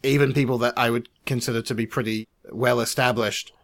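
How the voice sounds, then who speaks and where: A man who is an independent filmmaker, co-hosting a casual podcast chat in a measured, reflective way, his sentences trailing off quietly. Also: mid-range voice, fairly even intonation, gravelly.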